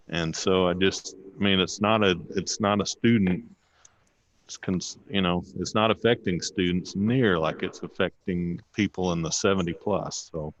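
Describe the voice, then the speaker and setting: A man speaking as a board member at a meeting, giving his opinion haltingly and repeating himself. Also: low voice. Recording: muffled, noisy meeting audio with clicks.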